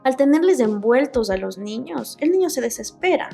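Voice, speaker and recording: A young adult woman talks through her work as a dentist in an earnest, step-by-step way, full of asides. Her voice sits fairly high and has a gravelly fry to it, while faint music plays underneath. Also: sing-song, moderate pace, mellow. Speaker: dentist guest. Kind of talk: casual interview chat.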